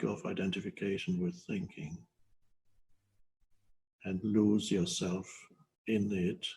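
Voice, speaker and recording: An older man leads a guided meditation in a slow, unhurried delivery. His low voice has a gravelly edge. He pauses often and speaks in short, hesitant phrases. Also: darkish tone, slight background noise, low-quality recording. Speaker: spiritual teacher.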